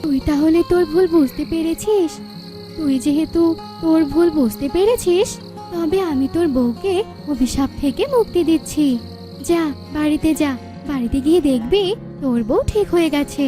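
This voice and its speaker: A woman's voice: high-pitched, normal speed, mellow, lightly acted. A woman voicing a stern fairy in a cartoon, who commands and pardons. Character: stern forest fairy, female. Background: background music.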